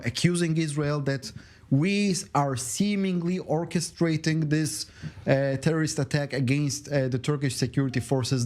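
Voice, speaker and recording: A man's voice: mid-range voice, darkish tone. A man speaking as a guest analyst on a news panel, hesitant with many fillers but emphatic.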